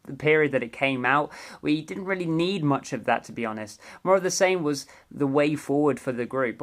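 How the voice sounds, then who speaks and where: A young man giving a casual, enthusiastic ranked album review, chatty and quick to correct himself mid-sentence. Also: mid-range voice, a bit bright. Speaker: music reviewer.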